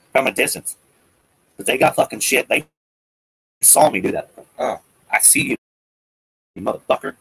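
A man's voice: mid-range voice, creaky, bright, forceful tone, husky, no room sound, low-quality recording. A man telling a story to his viewers in an agitated, defiant rant, swearing often.

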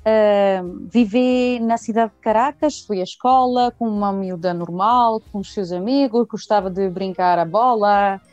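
A woman from Venezuela answers interview questions in a relaxed manner, with filler sounds. Her voice is mellow and warm. The recording is dull and lo-fi, with faint music in the background. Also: medium pitch, unhurried, no room sound. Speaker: singer, interview guest. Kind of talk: casual interview talk. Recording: muffled lo-fi audio with faint music.

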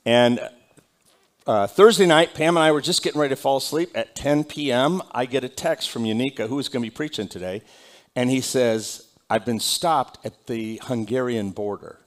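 A man's voice: medium pitch, normal speed. Pastor type, man, easygoing announcements voice, talks off the cuff with plenty of "uh"s. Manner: casual, conversational, with frequent fillers and restarts. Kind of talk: church announcements and onstage interview. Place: church sanctuary.

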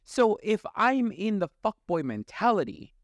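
A man's voice: sits high, very animated, measured pace, no echo. A male podcast host talking candidly in casual studio chat, telling stories, laughing often and swearing freely.

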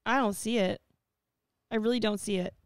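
A woman's voice: mid-range voice, steady tone, normal speed, no room sound, clean studio sound. A young woman co-hosting a casual podcast chat, chatty and playful, giggling and teasing her friends.

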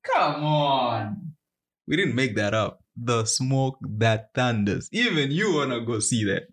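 A man's voice: medium pitch, animated, slow pace. A man from Zimbabwe chatting on a podcast, telling stories animatedly and mimicking people, laughing often. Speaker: podcast co-host. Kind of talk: casual chat.

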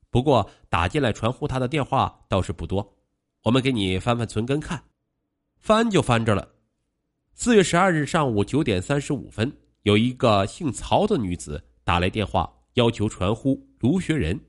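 Animated male crime-story narrator. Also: medium pitch. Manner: animated storytelling with rising emphasis.

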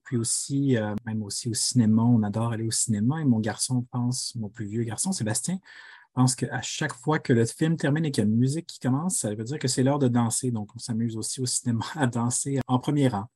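A man's voice: medium pitch, dark tone, husky, no room sound. A man in his thirties from Quebec City, chatting as a podcast guest in a friendly way, with hesitations. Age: 30s. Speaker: guest, father. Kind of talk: casual interview answers.

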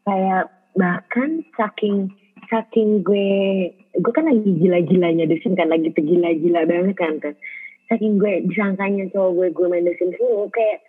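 A young woman from Bekasi co-hosting a podcast, chatting in relaxed, rambling slang. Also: medium pitch, moderate pace, husky, narrow, tinny audio. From Bekasi, Indonesia. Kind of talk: casual chat.

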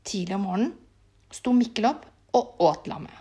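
A woman's voice: medium pitch, animated, mellow, husky. A woman reading a folk tale aloud in a casual way, with chatty asides to her listeners and some whispered passages. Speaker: storyteller.

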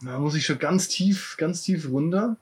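A man's voice: on the high side, normal speed, slight background noise. A man co-hosting a podcast, teasing playfully and laughing often. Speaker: podcast co-host. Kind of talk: casual podcast banter.

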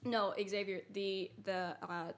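A woman's voice: mid-range voice, fairly even intonation, takes it slowly. Woman, podcast co-host, casual chat, rambling, tangents.

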